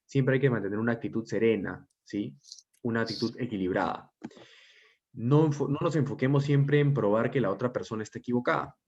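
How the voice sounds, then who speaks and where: A man teacher giving an online class lecture, explaining step by step and often checking in with a quick question. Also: medium pitch, a little mellow, a little hiss or hum. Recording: dull lo-fi audio.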